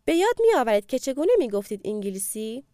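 A woman narrating a language course and clearly prompting the listener to repeat after the speaker. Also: fairly high pitch, sing-song, dark tone, no echo, clean studio sound. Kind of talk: scripted lesson narration.

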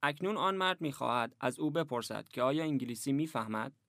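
A man narrating a language lesson, giving measured, even instructions in a scripted way. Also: mid-range voice, gravelly, no room sound, studio quality.

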